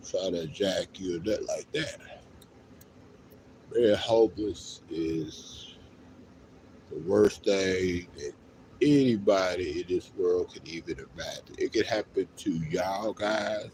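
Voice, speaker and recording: An American man talking casually to viewers in a halting, repetitive, rambling plea, outdoors on a street. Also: low-pitched. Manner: halting, repetitive, with frequent 'you know'. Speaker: livestreamer appealing to viewers for help. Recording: noisy outdoor street, uneven level.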